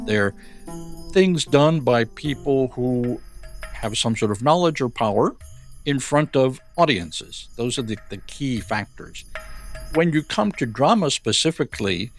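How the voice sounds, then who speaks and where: Thoughtful male professor explaining. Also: mid-range voice. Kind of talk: expert commentary.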